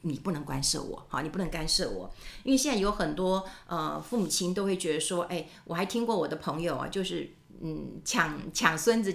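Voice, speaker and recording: A woman's voice: fairly low pitch, gravelly, a bit bright. Chatty woman podcaster in an echoey room. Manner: chatty, many fillers and tag particles. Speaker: podcast host. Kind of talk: casual solo commentary.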